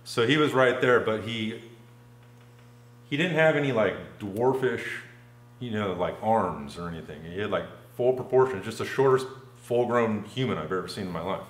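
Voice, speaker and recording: A man with a fairly low voice tells a long story in a loose, casual way. He rambles and fills his sentences with "like." He is heard in an echoey room. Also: normal speed. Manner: rambling, full of "like" fillers. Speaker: podcast guest.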